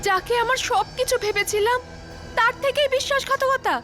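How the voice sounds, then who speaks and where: An aggrieved, emotional woman in a TV crime drama. Her voice is extremely high and sharp, with faint music behind. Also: normal speed. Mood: betrayed. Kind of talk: Indian TV crime drama acting.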